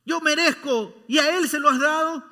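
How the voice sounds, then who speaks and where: A man's voice: very high voice, expressive, takes it slowly, bright, forceful tone, in a large hall, voice pushed up, heavily acted. A man preaching plays a resentful older brother who complains that he deserves more, asking indignant questions. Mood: indignant, complaining.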